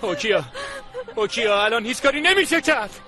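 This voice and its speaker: A man's voice: very high-pitched, sing-song, pushed and bright, faint music behind, exaggerated voice. A man dubbing a police commissioner who urgently hurries a woman away in a TV drama. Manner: urgent, insistent. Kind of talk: Persian dub of a TV drama.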